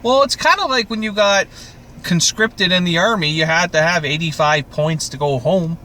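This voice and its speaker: A Canadian man co-hosts a podcast, casually recapping TV in an exasperated, sweary, ranting style. His voice is high, bright, and forceful, at a normal speed.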